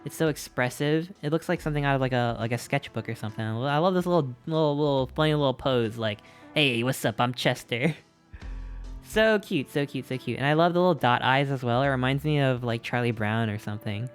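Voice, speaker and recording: A streamer gushing over fan art in casual live-stream chat, excitable and repeating itself, a little out of breath. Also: medium pitch, fast talker, smooth. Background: faint background music.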